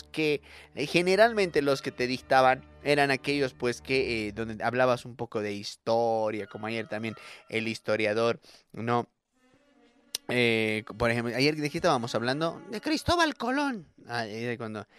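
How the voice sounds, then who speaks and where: A man's voice: mid-range voice, unhurried, a bit bright, clean tone, faint music behind. A man, a radio host, telling a casual comic monologue with many fillers and tag questions. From Bolivia.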